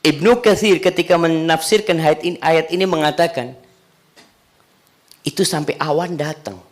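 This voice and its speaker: A man preaching a sermon to a congregation, animated, dropping to hushed lines and rising to loud, high cries, and asking the listeners questions. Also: moderate pace. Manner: addresses the congregation directly, asks them questions.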